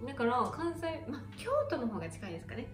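A young woman from Shiga with a Kansai accent, chatting as a guest on a radio show in a soft, soothing way. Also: sits high, big pitch swings, quick pace, echoey room, loud music behind the voice. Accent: Kansai Japanese. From Shiga, Japan. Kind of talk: casual radio chat.

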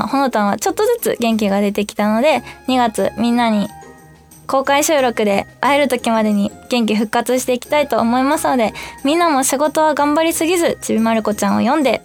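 A young woman hosting her own radio show, chatting casually and bubbly on her own, acting out little quotes as she goes. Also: on the high side. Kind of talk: casual solo free talk.

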